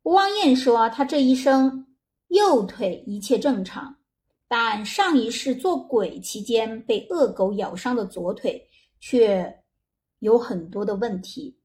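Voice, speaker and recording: A woman hosting and narrating a story in a gentle, conversational way, with small filler pauses. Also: a little high, lively intonation. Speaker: host. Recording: faint background music.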